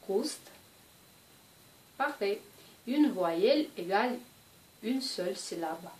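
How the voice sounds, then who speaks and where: A woman's voice: mid-range voice, distant mic, slight background noise. A woman from Russia with a Russian accent, teaching a language lesson patiently and drawing out example sounds. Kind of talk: explanatory lesson. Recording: echoey room, voice off-mic, faint ambience.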